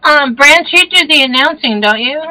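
A woman playing a tabletop game, making quick, questioning asides. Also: high-pitched, expressive, sharp tone, rough recording. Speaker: player. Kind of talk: casual tabletop play.

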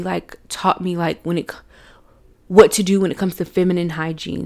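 A woman's voice: fairly low pitch, a little mellow, smooth. A young woman tells a personal story to her viewers in a candid, casual way, calling them y'all and laughing between lines. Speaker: vlogger.

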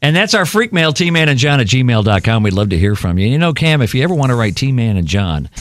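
A man's voice: mid-range voice, quick pace, dry recording. A man co-hosting a podcast, chatting casually and joking. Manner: joking, animated. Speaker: podcast co-host. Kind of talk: casual chat.

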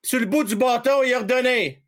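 A middle-aged man with a Québécois accent doing live fan commentary on a hockey game, shouting at plays and then dropping to a mutter while chatting with viewers. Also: extremely high pitch, fairly quick. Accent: Québécois French.

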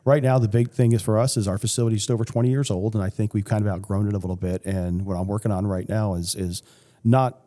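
A man's voice: fairly low pitch, fairly even intonation, quick pace, warm tone, big-room sound. A man in his fifties, a police K-9 sergeant, chatting as a podcast guest and often restarting his sentences. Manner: rambling, with frequent restarts and self-corrections. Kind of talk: casual interview chat.

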